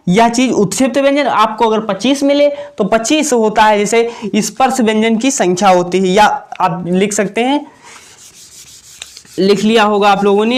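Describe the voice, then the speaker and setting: A man teaching an exam-prep lesson at a whiteboard, asking questions and answering them himself, repeating key points. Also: high voice. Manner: repetitive, asks and answers own questions.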